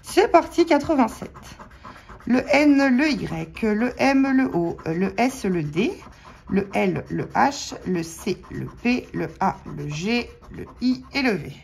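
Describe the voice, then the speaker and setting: A woman with a French accent speaks in an easy, unhurried way, her voice sitting a touch high. She chats to her viewers as friends and spells out letters one at a time while scratching tickets. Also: very animated, creaky, darkish tone, slight background noise. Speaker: scratch-card vlogger. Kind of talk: casual commentary while scratching lottery tickets.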